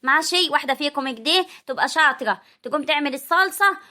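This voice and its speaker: A woman's voice: sits high, expressive, fast talker, bright, forceful tone. A woman with a rural Egyptian accent playing a bossy older mother-in-law who scolds and orders the family about.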